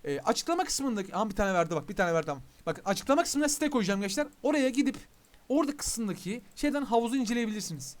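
A man's voice: high-pitched, lively intonation, quick pace. A young man with a Turkish accent giving casual gameplay commentary as a YouTuber, chatty and pleading with the game while talking to his viewers. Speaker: gaming YouTuber.

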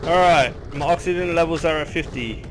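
A man's voice: fairly high pitch, a little fast, noisy background. A man chatting casually while playing a video game, joking and swearing with a friend. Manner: joking, swearing, laughing a lot. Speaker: gamer. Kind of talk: casual let's-play chat. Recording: game music behind.

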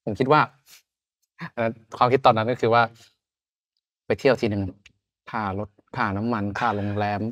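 A man's voice: medium pitch, steady tone, moderate pace, pauses often, fairly bright tone, no room sound. A man from Thailand in his thirties, a podcast guest chatting casually in loose, slangy talk. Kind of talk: casual chat.

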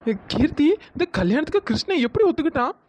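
A woman's voice: high voice, big pitch swings, darkish tone. A woman as a gossiping village busybody. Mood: gossipy. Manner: chatty, scolding, fast-talking. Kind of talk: cartoon storytelling voice acting.

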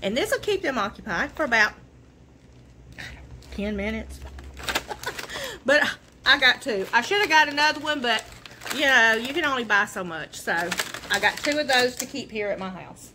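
A woman's voice: fairly high pitch, lively intonation, moderate pace, pauses often, noisy background. A woman, chatting folksily from her living room as she shows off her thrift finds to the camera. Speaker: vlogger showing a thrift haul. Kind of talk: casual show and tell.

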